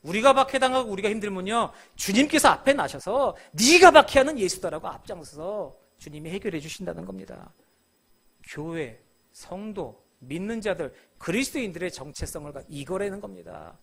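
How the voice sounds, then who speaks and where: A male pastor delivering a sermon in a church, his voice sitting high and leaping widely in pitch. He acts out the biblical characters as he preaches. His delivery is animated, with sudden loud bursts. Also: moderate pace, gravelly.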